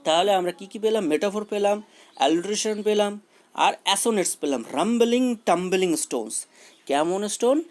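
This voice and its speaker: A man's voice: sits high, moderate pace, a little mellow. A man teaching a school English poem, repeating key words and mixing English terms into his explanation.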